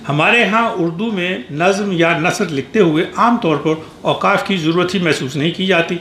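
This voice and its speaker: Male memorial speaker with a high-ish voice, formal and measured delivery of a prepared tribute, echoey hall. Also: pushed and bright. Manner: measured, formal reading with small restarts. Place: reception hall at an embassy. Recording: echoey hall with faint background noise.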